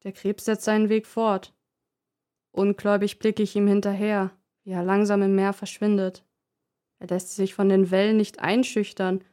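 Woman, narrator, first-person story, calm, measured, steady pitch.

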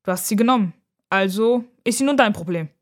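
A woman's voice: mid-range voice, lively intonation, fairly quick, lightly acted. A woman voicing an old man who is curt and dismissive, speaking brusquely.

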